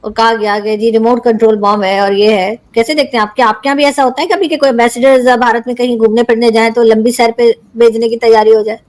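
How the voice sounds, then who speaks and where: A woman with a high voice leads a political talk show. She asks probing questions and keeps a sarcastic edge in her delivery. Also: level tone, quick pace, few pauses, darkish tone. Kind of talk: casual political discussion.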